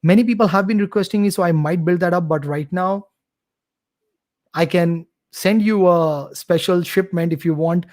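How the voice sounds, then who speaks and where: Talking at a moderate pace in a high, slightly mellow voice, a man from India in his 30s guests on a live-stream show. As a course creator in a casual interview, he comes across as eager, talkative and promotional, heard through a computer mic.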